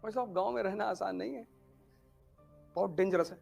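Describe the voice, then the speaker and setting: A man giving a humorous motivational talk, telling stories with animated swings between loud and hushed delivery. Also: high-pitched, brisk, creaky, faint music behind. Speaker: motivational speaker.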